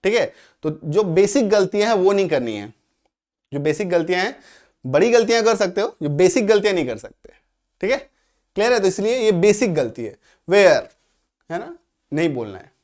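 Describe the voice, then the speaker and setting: A man from India teaching English grammar, explaining step by step, slowing down for example sentences and often checking that students follow. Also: high-pitched, very animated, darkish tone. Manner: slows right down when reading out English examples. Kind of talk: grammar lesson.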